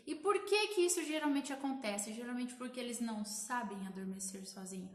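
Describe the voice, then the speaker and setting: Brazilian lady sleep coach on a live stream, high voice, roomy echo, keeps saying "tá?". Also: a little fast. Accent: Brazilian Portuguese. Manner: explanatory, repeats lists and asks "tá?" often. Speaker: child sleep consultant. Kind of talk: live social media talk to viewers.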